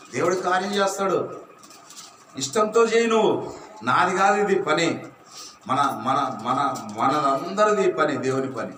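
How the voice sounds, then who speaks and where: A man's voice: on the high side, a bit bright, a little hiss or hum. A man preaching a sermon to a church congregation, asking them questions and calling on them to answer. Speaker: pastor. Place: church hall. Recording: echoey from far off.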